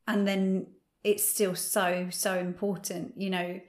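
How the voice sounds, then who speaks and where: Woman podcast host, affirming, low even delivery, roomy echo. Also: takes it slowly. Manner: warm, affirming, thinks aloud. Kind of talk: casual chat. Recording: echoey room.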